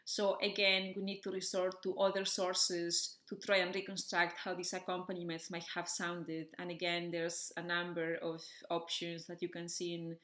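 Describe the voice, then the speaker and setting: A woman explaining a topic in a clear, methodical way as a music educator, often checking in with "okay" and "so". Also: fairly low pitch, monotone, moderate pace, few pauses, fairly bright tone, reverberant. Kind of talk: explanatory video lesson.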